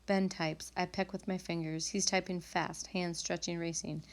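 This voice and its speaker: A woman reading a novel aloud with calm, measured storytelling. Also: fairly low pitch. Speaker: audiobook reader.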